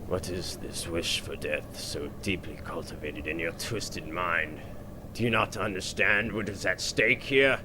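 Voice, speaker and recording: A man's voice: low voice, a little slow, noisy background. A man playing a grumpy male boat captain in an amateur comedy audio drama, sarcastic and flowery. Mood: grumbling.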